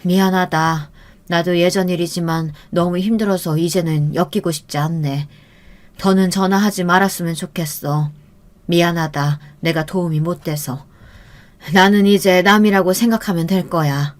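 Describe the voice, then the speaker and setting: A woman voicing a tired, apologetic mother-in-law who speaks low and subdued. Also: steady tone, normal speed, natural voice. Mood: weary sorry.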